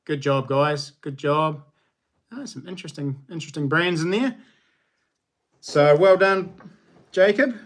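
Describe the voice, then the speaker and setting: A man's voice: fairly high pitch, measured pace, long pauses. A man with a broad New Zealand accent hosting a casual livestream, chatting to viewers in an informal, slangy, matey way. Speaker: livestream host.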